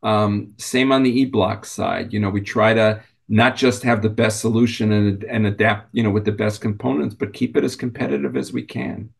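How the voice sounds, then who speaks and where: A man answering as a company executive in an unscripted interview, conversational and halting, often repeating words. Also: on the low side, fairly even intonation, gravelly, breathy edge.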